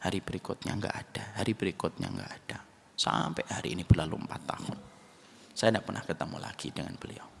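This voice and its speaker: Gravelly man preaching in an echoing hall. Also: a little hiss or hum. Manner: storytelling, acting out dialogue with quick shifts in pitch. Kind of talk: sermon. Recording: long reverb of a large hall.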